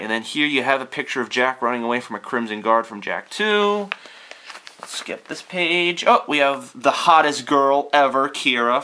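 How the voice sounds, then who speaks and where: A man's voice: medium pitch, pushed and bright. A young man casually talking through an unboxing in his bedroom, rambling, thinking aloud and swearing offhandedly. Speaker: YouTuber doing an unboxing.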